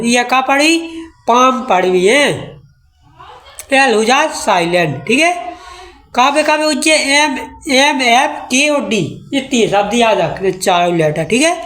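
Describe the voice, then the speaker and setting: A woman teaches a classroom English lesson. She speaks slowly and patiently, repeating each rule and checking often that the class follows. Her voice sits high. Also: animated, fairly bright tone. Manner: slow, repetitive teaching with frequent checks.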